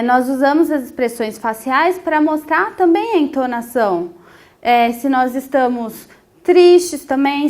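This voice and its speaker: High-voiced woman teaching a class. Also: a little mellow. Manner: patient, explanatory, with frequent 'é' fillers. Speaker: sign language teacher. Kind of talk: spoken lesson explanation.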